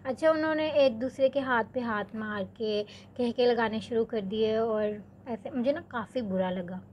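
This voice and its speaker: A woman's voice: a little high, normal speed, slight background noise. Chatty young woman telling a story. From Pakistan. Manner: chatty, animated, peppers speech with filler words. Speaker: vlogger. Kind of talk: casual storytelling vlog.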